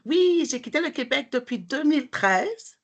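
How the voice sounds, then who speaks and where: A woman's voice: high voice, very animated, normal speed. A woman from Montreal with a Quebec French accent, answering interview questions as a mortgage broker, friendly and hesitant with many fillers.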